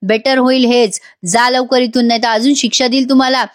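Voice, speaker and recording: A woman's voice: fairly high pitch, flat delivery, a little fast, no echo, clean studio sound, natural voice. A woman voicing an arrogant male hospital in-charge who scolds and orders people around. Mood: scolding. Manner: scolding, domineering.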